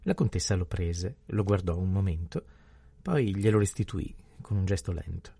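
A man narrating a novel in a steady, even literary reading. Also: low-pitched, moderate pace, vocal fry, breathy edge, no room sound. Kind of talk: scripted audiobook narration.

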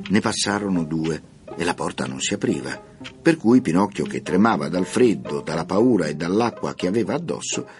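A man narrating a classic children's tale with expressive, lively storytelling intonation. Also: low-pitched, moderate pace, faint music behind.

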